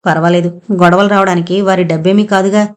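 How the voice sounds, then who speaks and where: A woman's voice: on the low side, steady tone, quick pace, close to an everyday voice. A woman voicing a proud, caring young married daughter who speaks earnestly and with feeling. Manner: earnest and emotional.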